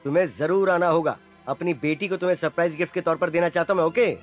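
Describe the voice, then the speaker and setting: A man's voice: a little high, fast talker, faint music behind, natural voice. A middle-aged man dubbing a jovial father who jokes heartily with his future son-in-law. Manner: hearty and jokey. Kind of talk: Hindi film dubbing.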